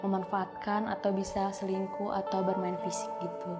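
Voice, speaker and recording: A woman's voice: medium pitch, level tone, normal speed, loud music behind the voice. A woman of twenty, a university student, offers her opinion casually and tentatively.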